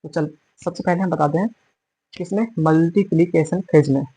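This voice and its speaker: A man's voice: on the high side, steady tone, moderate pace, mellow, husky, no echo, low-quality recording. A man teaching biology in a classroom-style lecture, repeating and correcting terms as he explains and mixing English words into his talk. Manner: mixes English terms into Hindi.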